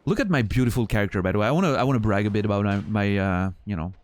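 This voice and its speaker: A Swiss streamer with a fairly low voice talks very fast to his viewers. A native French speaker with a Swiss French accent, he rambles casually and profanely, frequently starting sentences over.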